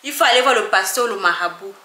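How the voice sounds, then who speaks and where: A loud, fast-talking Cameroonian mother, as a woman puts her on, scolding her grown child in alarm. Her voice is bright and forceful and rings in an echoey room. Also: medium pitch, expressive.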